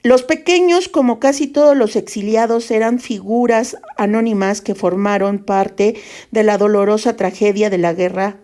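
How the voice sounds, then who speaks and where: A woman presenting a lesson in a measured explanatory tone, using fillers such as "este" and "pues.". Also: medium pitch, dark tone.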